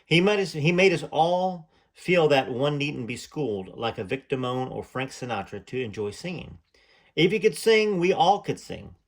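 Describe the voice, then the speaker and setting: This man speaks on the high side, in a sing-song way and at a normal speed. As a channel host, he reads earnestly from a memoir, occasionally interrupting himself with hesitant, conversational remarks.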